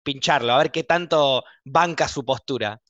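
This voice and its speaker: A man's voice: mid-range voice, fairly bright tone, dry recording, dull audio. Argumentative Argentine man, dry sound. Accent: Argentine Spanish. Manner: emphatic, quick to argue. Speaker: host. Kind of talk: casual podcast chat.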